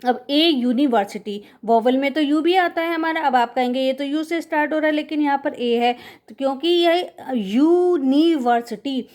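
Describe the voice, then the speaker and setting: A woman teaching a school English lesson, explaining patiently in a mix of Hindi and English, reading example sentences very slowly and asking and answering her own questions. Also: high-pitched, a little mellow. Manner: addresses pupils as children, asks and answers her own questions. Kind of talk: recorded class lesson.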